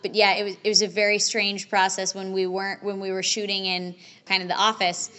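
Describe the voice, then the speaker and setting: Upbeat young actress chatting away at a con interview, bright voice. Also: female voice, medium pitch, level tone, clean tone. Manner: chatty, upbeat, quick restarts. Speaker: voice and screen actress, interview guest. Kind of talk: casual interview chat. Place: convention interview room.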